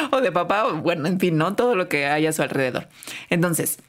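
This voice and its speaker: A woman's voice: fairly low pitch, sing-song, normal speed, fairly bright tone. A woman co-hosting a casual science podcast, chatty and explanatory. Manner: chatty, explanatory, laughs often. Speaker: podcast co-host.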